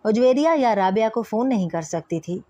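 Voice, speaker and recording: A woman narrating a romantic novel in a steady, measured storytelling voice. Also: fairly high pitch, no echo, highs cut off. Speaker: audiobook narrator. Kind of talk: novel reading.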